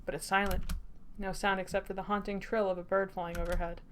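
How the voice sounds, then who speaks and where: A woman streamer narrating a story game aloud in a steady storytelling voice. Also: medium pitch, fairly quick, slight background noise.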